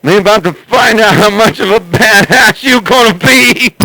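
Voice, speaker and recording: A man's voice: sits high, normal speed, bright, forceful tone, slight background noise, low-quality recording. A man in casual radio chat as a CB operator, rambling along in a blunt, salty way. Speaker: CB radio operator who records and uploads chats.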